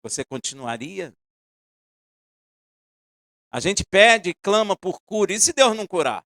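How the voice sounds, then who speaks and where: A man preaching a sermon, asking the congregation pointed questions and swinging between loud emphasis and quiet asides. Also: high voice, sing-song, unhurried, no echo, studio quality.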